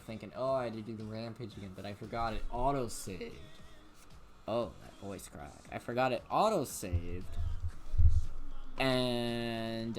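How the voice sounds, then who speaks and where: A young man rambling casually over gameplay, full of fillers and restarts. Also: mid-range voice. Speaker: let's play commentator.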